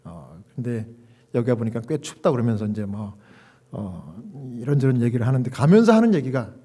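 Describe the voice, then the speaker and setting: A middle-aged male pastor telling a story in a sermon, animated, laughing and acting out quoted dialogue. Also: medium pitch, brisk.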